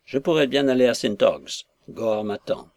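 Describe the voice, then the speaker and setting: An ailing older mill owner, confused and quick to flare up, as a male narrator reads him. He talks in short, abrupt bursts in an audiobook reading, at a middle pitch. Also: darkish tone, no echo, lightly acted. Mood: agitated.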